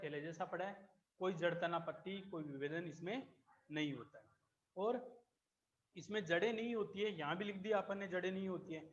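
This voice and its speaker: A man teaching a biology class, explaining slowly, repeating key terms and checking that students follow. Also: high voice, a bit bright, dull audio. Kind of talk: classroom lecture.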